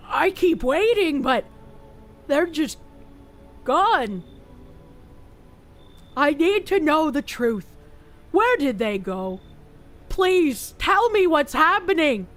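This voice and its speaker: A frightened, slow-witted young man pleads and rambles in a high voice, as a woman puts him on. His talk keeps circling back to his worry. Faint game music plays underneath. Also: full character voice. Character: anxious dim young man left alone.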